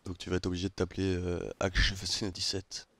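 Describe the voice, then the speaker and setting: A man's voice: low voice, monotone, a bit bright, no room sound. A man with a French accent chatting casually and joking with friends while streaming a game, swearing often. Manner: fast, rambling, laughs often. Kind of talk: casual gaming chat with friends.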